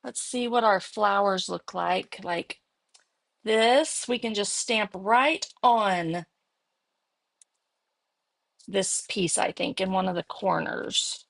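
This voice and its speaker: A woman's voice: medium pitch, slow, creaky, pauses often, fairly bright tone, no room sound. A woman with a Texas accent hosting a casual card-making demo, chatting and thinking aloud as she works. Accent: Texan. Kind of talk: casual live crafting demo.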